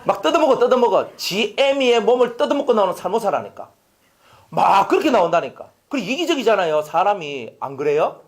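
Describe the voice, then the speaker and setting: Man preaching in church; high-pitched, animated, peppers the congregation with questions. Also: a little fast. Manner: animated, swings from loud to hushed, rhetorical questions to congregation. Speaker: pastor. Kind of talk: sermon. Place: church sanctuary.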